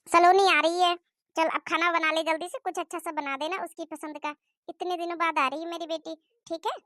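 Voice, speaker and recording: A woman's voice: very high-pitched, fairly even intonation, fairly quick, sharp tone, no room sound. A woman voicing a scolding, stingy middle-aged mother-in-law who nags and complains. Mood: fussy. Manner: nagging, scolding.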